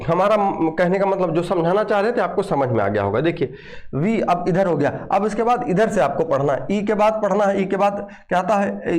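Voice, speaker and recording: A man's voice: high-pitched, darkish tone. A man teaches an exam-prep lesson. He talks students through each step, counting letters aloud and repeating reminders to keep in mind.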